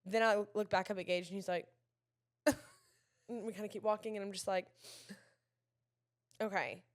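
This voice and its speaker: A woman's voice: mid-range voice, steady tone, brisk. A woman, co-hosting a podcast and acting out scenes as she tells a story. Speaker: podcast co-host. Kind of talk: casual chat.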